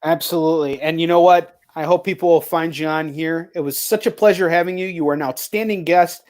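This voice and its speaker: Slightly fast and a little mellow, this male host speaks in a fairly high, steady voice during a casual live video chat interview. He keeps it informal and slangy, leaning on "like" and "you know."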